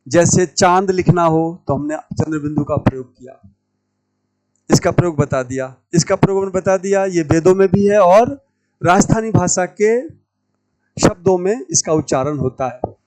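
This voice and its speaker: A man teaching Hindi grammar in a lecture, slowly repeating key words to stress how they are pronounced. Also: sits high, a little mellow, no echo, rough recording. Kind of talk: classroom lecture at a whiteboard.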